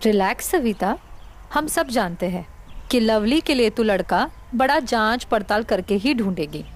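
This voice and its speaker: Married lady, calm and reassuring, slightly high. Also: a little slow, a little hiss or hum. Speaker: married elder woman Madhu.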